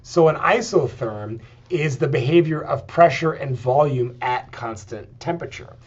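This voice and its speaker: A man's voice: medium pitch, lively intonation, normal speed, breathy edge. A man lecturing on chemistry and working through slides, explaining step by step with frequent "okay" and "um" check-ins. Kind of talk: recorded lecture, writing on slides. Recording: dull lo-fi lecture recording.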